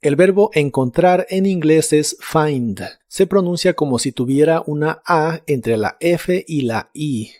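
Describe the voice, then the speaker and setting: Calm man teaching an English lesson. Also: a little high, dry recording, clean studio sound. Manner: slow, even explanation with repeated example words. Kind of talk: scripted language lesson.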